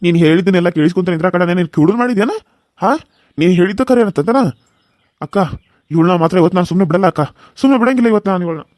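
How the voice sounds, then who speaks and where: A man's voice: sits high, very fast, darkish tone, no echo, studio quality, lightly acted. A man voicing a hot-tempered young brother-in-law in a cartoon serial, defiant and boastful. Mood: threatening.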